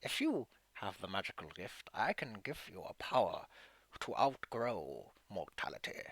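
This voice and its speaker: A man voicing an ancient, forgetful undead power in a low, cackling, soft-spoken voice, as ASMR role-play in a tabletop game. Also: sing-song, measured pace, husky, no echo, full character voice. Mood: sly, tempting.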